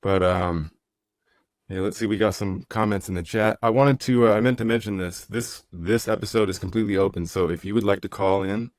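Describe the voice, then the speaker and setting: Deep-voiced easygoing male podcast host. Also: a little fast, no room sound. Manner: easygoing, rambling, reads chat comments aloud. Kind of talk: casual podcast conversation.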